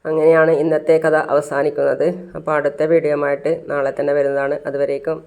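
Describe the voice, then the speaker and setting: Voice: medium pitch, little pitch movement, gravelly, darkish tone. Plain-voiced storyteller retelling a serial. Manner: plain, unhurried retelling with small restarts.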